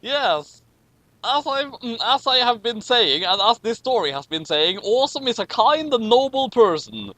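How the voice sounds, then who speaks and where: A man with a very high, pushed, bright voice reads a story aloud at a moderate pace, animated and with no room sound. As a co-host, he adds sarcastic, mocking commentary and keeps stumbling over the words.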